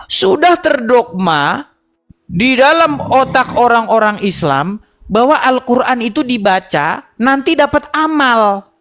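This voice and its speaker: A man's voice: very high voice, takes it slowly. A middle-aged Indonesian man hosting an interfaith discussion, telling stories animatedly and calling his guest "Bang". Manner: animated storyteller, imitates flute sounds, frequent "Bang".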